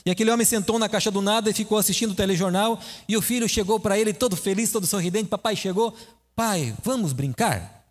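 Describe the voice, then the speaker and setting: A man's voice: sits high, fairly even intonation, racing, hardly any pauses. A man preaching a sermon in a church, telling a story and asking his listeners questions. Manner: conversational, asks the audience questions. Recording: echoey hall reverb.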